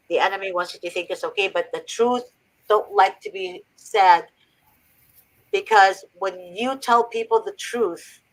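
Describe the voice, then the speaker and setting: A woman's voice: fairly low pitch, low-quality recording. A woman from Egypt hosting a faith-based advice talk, earnest and preachy with emphatic repetition. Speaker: host.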